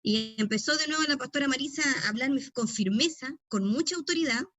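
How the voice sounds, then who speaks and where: This middle-aged woman pastor speaks briskly in a high, fairly bright voice with a Chilean accent. She teaches a deliverance session conversationally, telling stories and frequently tacking on tag questions.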